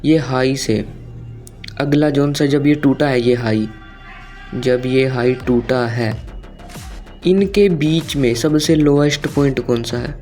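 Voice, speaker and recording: A man's voice: mid-range voice, slow, long pauses, darkish tone, faint music behind. A man teaching a trading lesson over a chart, talking casually, repeating himself and quizzing his viewers. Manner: conversational, asks viewers questions, repeats phrases. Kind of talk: screen-share chart lecture.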